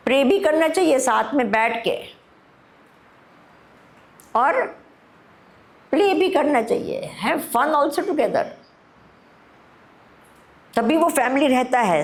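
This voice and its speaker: Woman swami teaching at a camp, talks real slow, keeps asking the crowd stuff. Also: fairly high pitch. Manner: unhurried, asks the audience questions, mixes Hindi and English. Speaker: spiritual teacher. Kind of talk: discourse to a camp audience. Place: spiritual camp hall.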